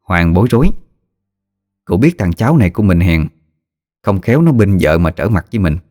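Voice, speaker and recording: A man narrating a story in a measured, plain reading voice. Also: sits low, sing-song, a little mellow. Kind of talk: audiobook narration. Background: faint music.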